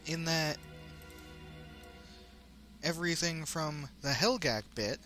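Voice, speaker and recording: A man's voice: fairly high pitch, pushed and bright. A man hosting a let's play with casual, wry commentary that rambles into asides. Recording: home commentary with faint noise.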